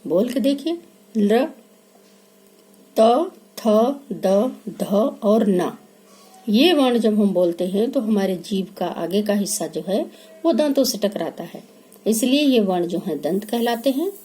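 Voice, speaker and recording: A woman's voice: medium pitch, expressive, normal speed, mellow. A woman teaching pronunciation, patiently sounding out letters one by one and checking that her listeners have understood. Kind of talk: Hindi pronunciation lesson.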